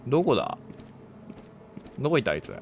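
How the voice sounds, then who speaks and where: A man casually commentating his playthrough of a horror game, chatty and quick to react with exclamations. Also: mid-range voice, big pitch swings, vocal fry, slight background noise.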